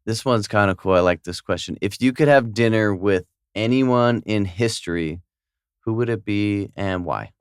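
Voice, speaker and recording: A man's voice: lowish voice, normal speed, clean tone, no echo, studio quality. A man in his thirties hosting a casual conversational interview. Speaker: podcast host.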